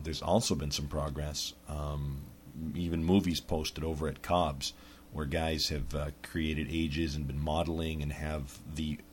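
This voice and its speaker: This podcast host has an extremely low voice, and a faint hiss or hum sits under the recording. He rambles through a casual monologue, restarting often and leaning on fillers.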